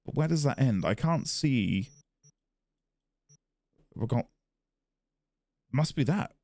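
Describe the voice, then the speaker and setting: A man's voice: medium pitch, animated, slow, creaky, a little mellow, dry recording. A man giving casual, musing gameplay commentary as a let's play host, chatty and prone to mild swearing. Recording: game music behind the voice.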